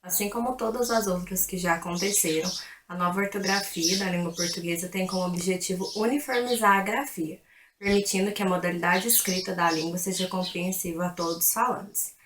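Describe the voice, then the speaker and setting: A woman's voice: lowish voice, a little fast, a bit bright, slight background noise. Woman presenting a lesson, roomy sound. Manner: friendly, direct address to viewers. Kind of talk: video lesson introduction.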